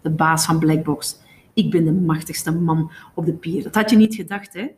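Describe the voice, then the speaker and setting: A woman reading a novel aloud, voicing a drunk, boastful middle-aged man who slurs and mumbles, dropping a bit lower than her narration. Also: normal speed, close to an everyday voice. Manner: slurred, mumbling.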